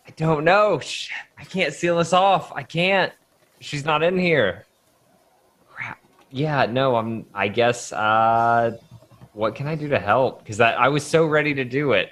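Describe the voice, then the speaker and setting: A man's voice: medium pitch, measured pace, fairly bright tone. A man player in a casual tabletop game, hesitant and flustered, thinking aloud over his move.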